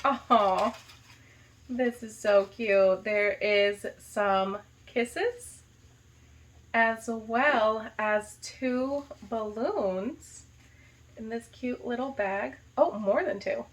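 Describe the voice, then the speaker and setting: A young American vlogger who works as a high school teacher opens a gift box in a casual, roughly recorded video. Arabic isn't her first language. Her voice sits a bit high and unhurried as she lingers over her delight, gushing about everything with plenty of "like" and "so cute."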